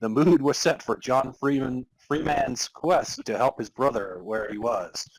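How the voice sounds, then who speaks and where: A podcast host narrates amateur fan fiction in a mock-serious, dramatic storytelling style. His mid-range voice is a little slow with a breathy edge. The recording is rough, with no room sound.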